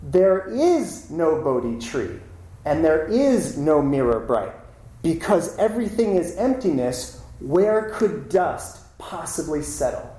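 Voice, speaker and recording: A humble young kitchen worker, as a male storyteller voices him, blunt and matter-of-fact in the way he talks. His voice moves up and down in a lively way, and the room around him is echoey. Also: fairly high pitch, slow. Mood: reciting.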